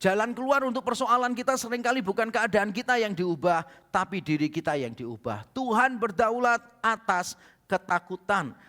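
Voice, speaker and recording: A man's voice: sits high, lively intonation, normal speed, bright, forceful tone. A male pastor with an Indonesian accent, preaching a sermon with humorous stories and acted-out dialogue. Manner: humorous storytelling, acts out quoted dialogue. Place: church hall. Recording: church hall reverb.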